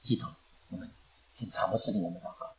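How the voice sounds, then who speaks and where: An older woman speaking to her church congregation, animated and rambling, laughing often and slipping in English phrases. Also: a bass voice, fast talker. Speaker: elderly church member giving thanks. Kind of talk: emotional speech to a congregation. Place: church gathering.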